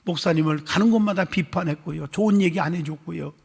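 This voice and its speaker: A male pastor preaching a sermon, telling a story with animated gusto and calling on the congregation for amens. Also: on the high side, fast talker, vocal fry, slightly rough. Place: church sanctuary. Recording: long church hall reverb.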